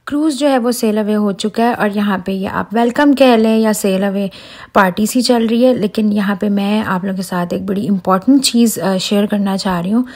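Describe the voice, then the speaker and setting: A woman's voice: medium pitch, normal speed. A woman in her thirties chatting to viewers in a casual travel vlog, recorded outdoors on a cruise ship deck with a handheld phone. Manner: chatty, excited, talks to viewers directly. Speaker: vlogger.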